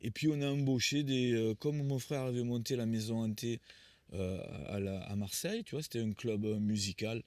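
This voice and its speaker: A musician in his sixties is the guest in a conversational interview, rambling through anecdotes with many restarts. His medium-pitched voice moves at a moderate pace and sounds a little mellow, with no room sound.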